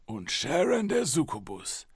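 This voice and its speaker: A smug police psychologist in his forties talks down calmly and slowly in a storybook reading, as a male reader plays him. His voice sits higher than the reader's own and has a lively pitch. The room is dry. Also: slightly rough, no room sound, exaggerated voice. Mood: patronizing. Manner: condescending, calm and slow. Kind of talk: audiobook reading.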